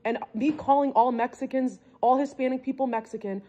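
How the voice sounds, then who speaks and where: A woman's voice: sits high, fairly even intonation, a little fast, warm tone, dull audio. A woman in a heated family argument, speaking emphatically and insistently, often repeating herself. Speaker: daughter confronting her family.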